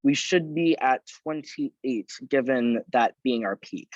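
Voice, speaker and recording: Brief: male meeting chair, measured and procedural, dry muffled video-call sound. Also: mid-range voice, no room sound. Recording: dull lo-fi video call audio.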